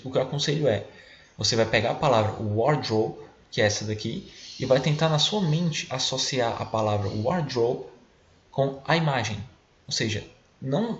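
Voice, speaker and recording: A man's voice: mid-range voice, roomy sound, lo-fi sound, a little hiss or hum. Brazilian man teaching English vocabulary patiently. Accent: Brazilian Portuguese. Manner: patient, explanatory, repeats words slowly for pronunciation. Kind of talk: recorded online class for children.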